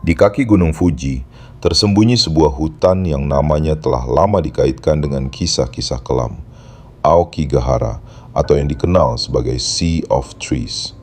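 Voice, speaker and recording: A man's voice: rumbling low, normal speed, breathy edge, faint music behind. A man reading a scripted horror story as narrator, in a solemn, dramatic storytelling manner.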